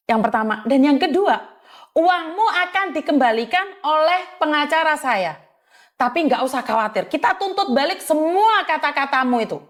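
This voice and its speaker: A woman, hosting her channel and answering a complaint in an earnest, repetitive way. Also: high-pitched. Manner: earnest, repetitive, mixes in Javanese phrases. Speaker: channel host. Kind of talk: talking to the camera, replying to a complaint.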